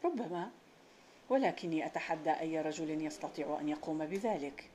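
A woman reading the part of a rich, bored merchant who is quick to anger, speaking in a stern, commanding way in a storybook narration. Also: low-pitched, expressive, mellow, slight background noise. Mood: challenging.

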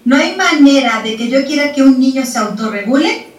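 A woman explaining child development in a lively chat, repeating words for emphasis and acting out parents and children. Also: sits high, fairly quick. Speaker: parenting expert guest. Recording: roomy sound from a distant mic.

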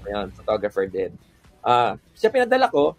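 A man's voice: lowish voice, normal speed, dry recording, faint music behind. A man, a photographer guest, chatting casually and telling stories from his work, switching freely into English. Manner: relaxed storytelling, mixing English in. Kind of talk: casual podcast chat.

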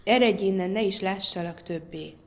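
A woman's voice: medium pitch, natural voice. A woman voicing an impatient young prince in a fairy tale. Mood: scornful.

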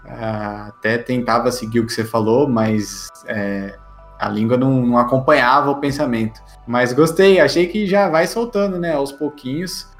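A Portuguese-speaking man, a student, talking calmly about how his first English lesson went. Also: medium pitch, moderate pace, faint music behind. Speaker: language student. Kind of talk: casual chat.

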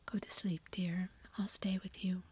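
Whispered role-play: a woman playing a tender, coaxing young sister, very breathy. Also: on the low side, flat delivery, unhurried, dark tone. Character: spirited young woman, caring older sister.

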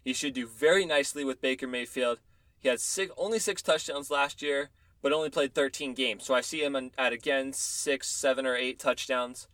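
A man's voice: mid-range voice, normal speed, a bit bright, no echo. A man hosting a casual fantasy football talk, counting down his top ten picks and backing them with opinions and stats. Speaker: fantasy football podcast host.

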